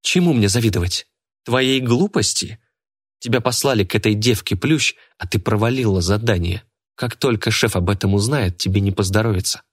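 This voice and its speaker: A man's voice: fairly low pitch, moderate pace, husky. A man voicing a spiteful, scheming woman who charms snakes, speaking in a contemptuous, snapping manner.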